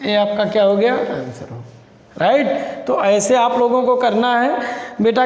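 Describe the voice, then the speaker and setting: A young man teaching a maths lesson, explaining step by step and repeating key terms back as questions to his students. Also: very high voice. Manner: calls students "beta". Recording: echoey room with faint background noise.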